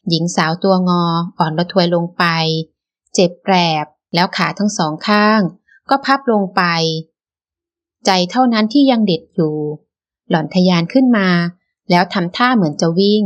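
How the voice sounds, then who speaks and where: A woman narrating a novel as an audiobook, in a steady, dramatic storytelling manner. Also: medium pitch, moderate pace, highs cut off.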